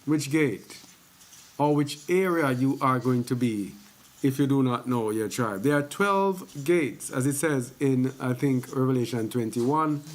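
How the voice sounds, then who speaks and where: A man hosting a religious teaching video, speaking casually and repeating points for emphasis. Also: mid-range voice. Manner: slow, conversational, repeats phrases for emphasis. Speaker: host of a faith teaching channel.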